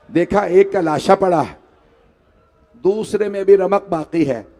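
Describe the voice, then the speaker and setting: A man with a high-pitched voice delivers a mourning sermon to a gathering. He pleads with his listeners and rises into loud, wailing lament as he recites. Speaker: majlis orator. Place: mosque hall.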